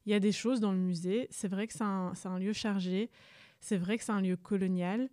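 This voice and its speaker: Young woman museum guest, hesitant with many fillers, warm dark voice, close dry recording. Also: mid-range voice, fairly even intonation, fairly quick, no room sound. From Rwanda. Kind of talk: interview answers.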